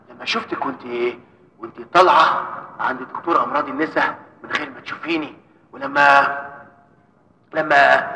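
An actor playing a deranged, tormented man in an Egyptian film melodrama, speaking Egyptian Arabic haltingly and obsessively repeating his words. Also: fairly high pitch, bright, forceful tone. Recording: echoey hall with long reverb.

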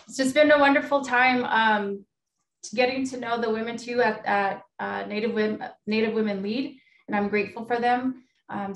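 Woman, 30s, American accent, informal guest talk on a video call, mid pitch, noticeably echoey room. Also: recorded from a distance, a little hiss or hum. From Pueblo of Isleta, New Mexico, USA. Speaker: guest speaker. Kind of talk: informal personal talk to an online group. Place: small home room indoors, on a video call.

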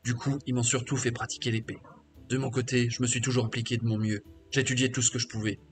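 Reading game lines quickly and with light acting, a man voices a scornful male half-orc ex-slave, a bitter, defiant warrior mage, in a crude, boastful manner. His medium pitch barely moves.

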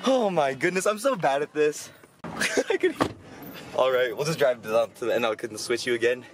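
A man's voice: medium pitch, expressive, a little slow, over music. A teenage man chatting casually into a phone camera from a car, giggly and self-deprecating. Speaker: vlogger. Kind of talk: casual vlog chat.

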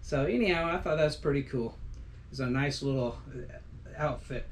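Speaking at a moderate pace with a medium-pitched voice, this middle-aged man rambles casually for his outdoor vlog. He's indoors in a small decorated room at home, and his homespun talk keeps restarting and filling gaps, over a faint hiss or hum.

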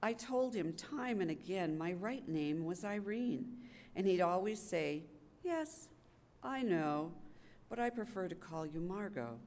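An older woman with a lowish, slightly mellow voice and lively intonation reads a wartime letter aloud, taking her time. She performs readers theater at a gooseneck podium microphone in an indoor public gallery event room, and the live room recording is clearly noisy.

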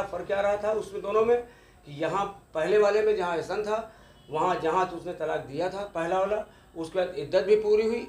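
A man's voice: high voice, a little mellow, reverberant. A man giving an exam-focused law lecture, explaining step by step and repeating key terms, with English legal words mixed in.

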